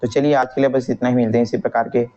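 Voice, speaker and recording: A man's voice: mid-range voice, flat delivery, very fast, warm tone. A male teacher explaining a textbook lesson, retelling each quoted line in plain everyday words. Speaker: Hindi teacher. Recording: dull lo-fi recording.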